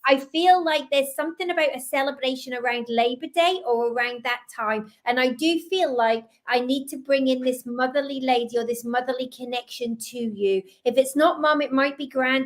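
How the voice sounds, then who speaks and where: Fast-talking Scottish woman, high voice. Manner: fast-talking, gentle and reassuring. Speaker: psychic medium. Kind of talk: live stream reading. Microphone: video call.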